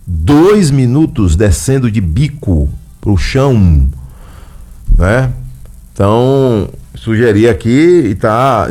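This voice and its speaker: A man's voice: lowish voice, a little mellow. Man, radio host, chatty, folksy, casual talk show. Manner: chatty and folksy, tags lines with "né?".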